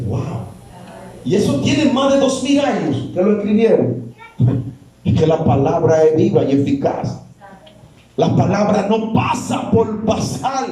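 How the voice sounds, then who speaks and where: A high-pitched man preaches slowly to his congregation. He drives each point home with repeated words. His voice carries from away from the mic in a strongly echoing church. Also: a little mellow, far from the mic. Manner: preaching, rising and falling with emphatic repeats. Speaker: pastor. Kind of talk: sermon.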